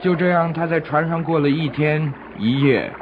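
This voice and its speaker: A man with a somewhat high voice narrates a scripted children's story at a moderate pace, explaining things simply and expressively as though to little listeners. The dull lo-fi recording has music behind him and slight background noise.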